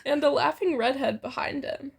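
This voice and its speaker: This young woman has a high, gravelly voice and speaks at a moderate pace. She's an amateur co-host reading fan fiction aloud, playfully acting out the dialogue with exclamations and bantering along the way.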